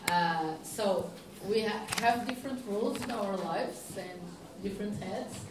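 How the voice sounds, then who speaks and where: A woman moderating a conference panel, speaking haltingly with many restarts. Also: medium pitch. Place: conference hall. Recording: echoey hall, distant mic, background noise.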